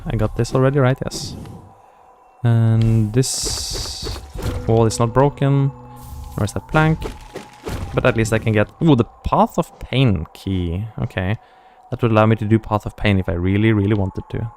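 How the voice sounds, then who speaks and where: Low-voiced Scandinavian man chatting over gameplay. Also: darkish tone. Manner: thinking aloud, chatty, answers chat comments. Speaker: gaming streamer. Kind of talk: casual gameplay commentary.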